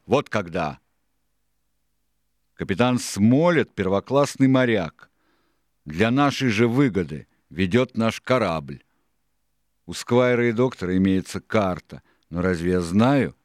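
A man voicing a cunning, domineering older pirate cook in an audiobook, lecturing loudly and scornfully. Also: fairly low pitch, big pitch swings, measured pace, dry recording, studio quality, voice pushed up. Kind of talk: audiobook character reading.

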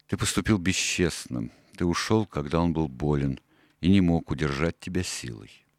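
A man voicing a stern but kindly middle-aged doctor who speaks gravely and earnestly, in an audiobook. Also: a bass voice, lively intonation, normal speed, dry recording, clean studio sound. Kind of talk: audiobook character voice.

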